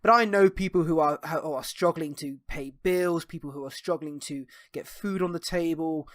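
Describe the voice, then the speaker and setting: A man's voice: a little high, fairly bright tone, no room sound. Earnest young man with stumbling restarts. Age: young adult. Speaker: youth advisor, podcast guest. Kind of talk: casual podcast chat.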